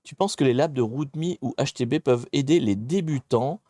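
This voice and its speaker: A man's voice: medium pitch, moderate pace, warm tone, no room sound. A man hosting a casual live-stream hacking tutorial, chatty and self-deprecating, greeting viewers and hesitating often. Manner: chatty, rambling, many hesitations.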